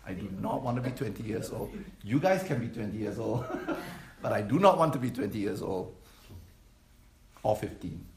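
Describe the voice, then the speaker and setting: A man's voice: fairly low pitch, animated, moderate pace, echoey room, a crowd in the background. A man, preaching a sermon as pastor in a conversational way and putting questions to the congregation. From Malaysia. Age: 50s. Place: church.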